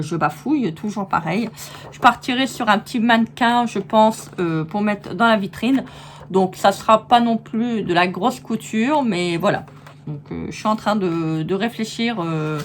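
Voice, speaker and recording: A woman's voice: medium pitch, a little hiss or hum. A woman chatting enthusiastically in a casual crafts haul video, with many fillers and restarts. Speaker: crafts vlogger.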